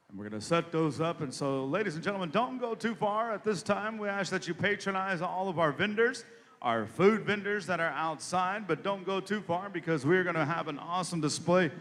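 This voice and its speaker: Over an arena PA, a powwow emcee speaks to families and the crowd directly in a folksy, ceremonious way. His voice is high-pitched and a bit bright. The large space is reverberant, giving the recording a hall public-address sound.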